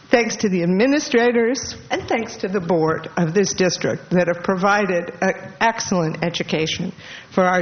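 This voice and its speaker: Tearful woman giving a farewell speech. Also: medium pitch. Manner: emotional, halting, laughing through tears. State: tearful, voice catching. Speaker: departing school board member. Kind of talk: farewell speech at a public meeting. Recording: dull lo-fi meeting recording with faint noise.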